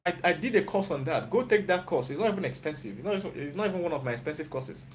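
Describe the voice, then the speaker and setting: Speaking quickly and expressively in a voice on the high side, a man with a Nigerian accent rallies the viewers of his live stream. He's a YouTuber and software developer whose pep talk is motivational and repetitive, punctuated by "you get?" check-ins. There's a little hiss or hum in the recording.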